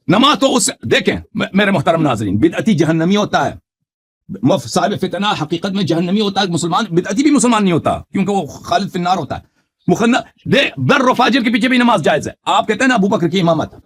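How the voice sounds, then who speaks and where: A man in a heated religious debate, forcefully quoting Arabic texts and accusing his opponent. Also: high-pitched, slightly rough. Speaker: Shia debater.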